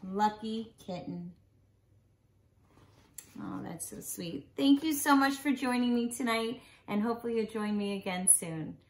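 This teacher, in her forties, reads a children's picture book with a fairly high voice and plenty of animation, drawing out words she wants young listeners to notice. The setting is a small home living room, and the recording is roomy.

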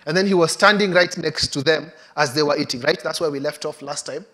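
A middle-aged pastor, a little higher-voiced than most men, preaches in a chatty, storytelling way. He leans into his scripture quotes and asides, speaking from a large church stage into a headset mic. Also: a little fast, sharp tone. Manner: conversational storytelling, acts out quotes. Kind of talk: sermon.

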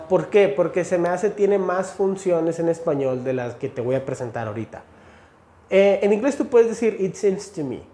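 A man's voice: on the high side, dark tone, roomy sound. A Mexican man, a native Spanish speaker, teaching English phrases in a casual, slangy video lesson, calling out to viewers as he reads examples off a screen. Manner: slangy, addresses viewers as "chavos" and "señores".

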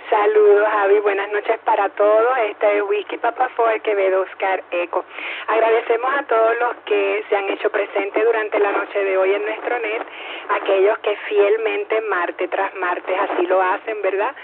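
Creaky Puerto Rican woman on noisy ham radio. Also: medium pitch, little pitch movement, unhurried. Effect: two-way radio transmission. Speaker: radio net secretary. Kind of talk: polite, formal check-in on a ham radio net. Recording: noisy narrowband radio with hum.

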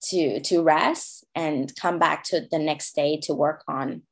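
In an interview conversation, a woman from Hong Kong speaks English as a second language with a Cantonese accent, halting with many fillers and restarts. Her voice is low.

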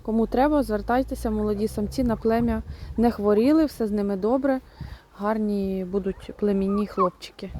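A woman's voice: medium pitch, moderate pace, dark tone, a little hiss or hum, poor audio. A young woman from Ukraine, filming a casual vlog as she walks around her yard outdoors, chatting to viewers and shooing her birds in a raised voice. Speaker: homestead vlogger. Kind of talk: casual vlog narration while walking the yard. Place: outdoors in a rural yard and garden. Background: geese and turkeys calling.

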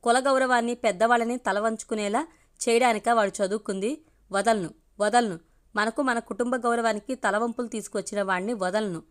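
A woman voicing a proud, hot-tempered middle-aged village patriarch who shouts commands. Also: a little high, fairly even intonation, brisk, natural voice. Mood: furious.

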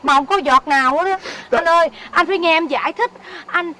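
A woman's voice: very high-pitched, fairly quick, a crowd in the background. A woman with a Southern Vietnamese accent playing a young woman who teases her weeping ex-lover in a comedy sketch, chattering and mocking. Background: background music.

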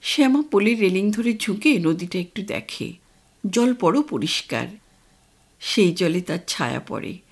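A woman narrating an audio story in a gentle, storytelling manner. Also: mid-range voice, animated, measured pace, breathy edge.

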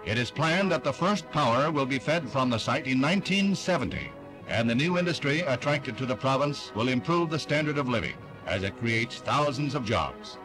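A man's voice: medium pitch, animated, normal speed, poor audio. A man narrating an old 1960s newsreel in an upbeat, promotional announcer's delivery. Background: music.

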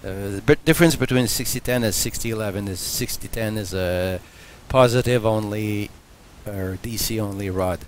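A man's voice: lowish voice, moderate pace, hardly any pauses, slight background noise. A man hosting a welding channel, casually demonstrating and explaining in his home garage workshop, thinking aloud with many fillers and restarts. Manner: matter-of-fact, thinking aloud.

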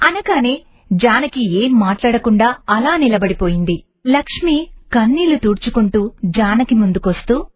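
A woman narrates an animated moral storybook in a steady, expressive manner. Her voice is husky and breathy, pitched a little high. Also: normal speed.

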